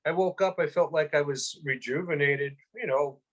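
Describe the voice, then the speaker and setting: A man in casual chat, telling his own experience in an excited, rambling way with many restarts. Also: fairly high pitch, normal speed. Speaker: guest. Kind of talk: casual chat, personal testimony.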